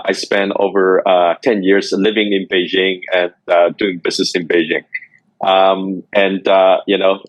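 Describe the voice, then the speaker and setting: Low-voiced middle-aged man from Hong Kong. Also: dry recording, poor audio. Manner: measured, with many fillers. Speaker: guest, company executive. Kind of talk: interview answers.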